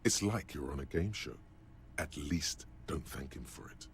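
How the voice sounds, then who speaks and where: An actor playing an ominous male inner-voice narrator who speaks in deadpan, mocking second person in a video game. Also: a bass voice, measured pace, slight background noise, heavily acted. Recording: game music behind.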